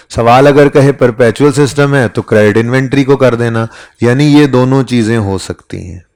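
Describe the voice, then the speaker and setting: An accounting teacher with a medium-pitched, darkish voice lectures a class in a conversational style. He repeatedly checks in with his students by asking "ठीक है?".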